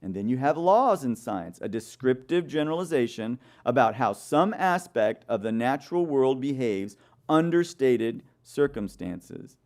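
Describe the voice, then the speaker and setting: Big pitch swings mark this man's mid-range, slightly mellow voice, and he goes at an unhurried pace with hardly any pauses. Lecturing on the Bible like a preacher, he tells stories, throws out rhetorical questions, and frequently asks listeners "okay?"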